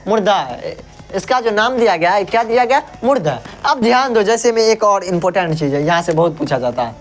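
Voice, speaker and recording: A man's voice: high-pitched, lively intonation, brisk. Hindi man drilling exam grammar. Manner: drills sounds aloud, asks and answers his own questions. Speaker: teacher. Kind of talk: exam-prep grammar lesson.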